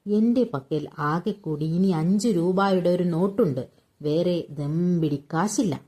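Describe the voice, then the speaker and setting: A woman reading aloud and voicing a wry, stubborn grown son who argues back quietly. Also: fairly low pitch, slow pace. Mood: wry arguing.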